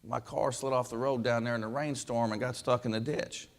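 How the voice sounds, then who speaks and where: A man voicing a cocky, impatient young driver in a spoken story, skeptical and quick. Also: medium pitch, fairly even intonation, close to an everyday voice.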